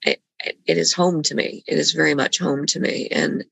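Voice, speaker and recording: A woman with a gravelly, husky voice, recorded dry and close. She talks earnestly and haltingly, restarting her sentences, in a reflective conversation over a video call. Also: deep voice, steady tone, a bit bright, no room sound, low-quality recording. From Colombia. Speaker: guest.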